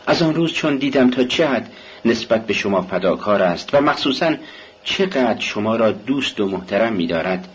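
A man's voice: deep voice, lo-fi sound, a little hiss or hum. A man reading an audiobook, voicing an earnest, troubled young man who speaks in a subdued way.

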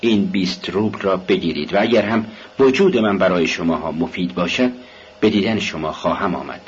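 An earnest, troubled young man speaking low and subdued, as a male reader puts him on. His delivery is quieter than the narration. The recording is dull and lo-fi. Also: a little hiss or hum, close to an everyday voice.

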